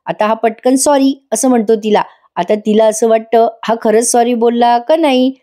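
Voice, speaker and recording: Chatty woman with a mellow, high voice. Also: moderate pace. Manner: chatty, addresses viewers directly. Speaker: TV serial reviewer. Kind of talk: chatty voice-over review.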